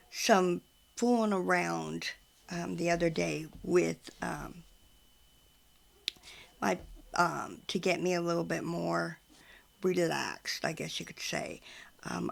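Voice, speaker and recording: A middle-aged woman from California hosting a casual chat show from home, soft-spoken and hesitant, with many ums. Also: lowish voice, gravelly. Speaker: podcast host. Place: home, at a table.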